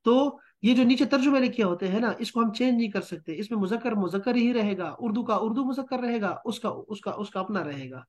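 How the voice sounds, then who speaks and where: A man's voice: sits high, animated, few pauses. A man teaching a Quran translation class, patiently explaining word meanings and checking in with students. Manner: patient, explains with repeated checks like "theek hai?".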